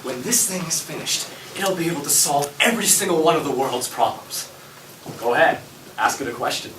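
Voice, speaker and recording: An actor playing an eager, deferential inventor, excitable and prone to stammering, in scripted film dialogue. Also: male voice, a little high, a little fast, close to an everyday voice. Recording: echoey room, distant mic, noisy clicks.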